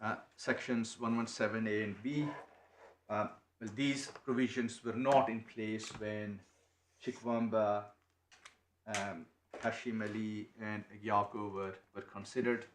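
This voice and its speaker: A man making a legal submission to appeal judges, halting and restarting often as he speaks. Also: on the low side, fairly even intonation. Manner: halting, many restarts and repeated words. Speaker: barrister. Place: courtroom. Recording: echoey courtroom, faint noise.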